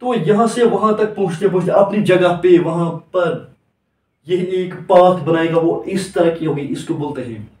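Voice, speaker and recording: High-voiced male teacher in an echoey room. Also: normal speed, a little mellow. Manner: repetitive, walks through each step with "here" and "like this". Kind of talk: lecture explaining at a board. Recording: echoey classroom, mic from a distance.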